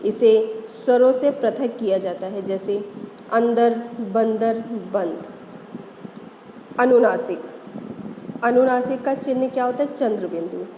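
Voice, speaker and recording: Slow, careful woman teaching grammar. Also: fairly high pitch, dark tone, slight background noise. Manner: slow, methodical, spells out letters one by one. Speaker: Hindi teacher. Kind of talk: classroom grammar lesson. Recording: echoey room, long reverb, faint ambience.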